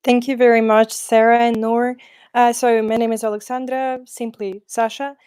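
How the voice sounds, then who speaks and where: A woman's voice: a little high, flat delivery, normal speed, darkish tone, clean tone, dry recording, studio quality. A woman in her twenties from Ukraine, a diplomacy student introducing herself on a panel, sincere and enthusiastic. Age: 20s.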